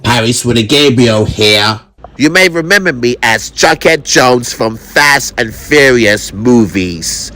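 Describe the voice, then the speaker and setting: A man narrating a fan video casually, reading haltingly and stumbling over words. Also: mid-range voice, fairly bright tone.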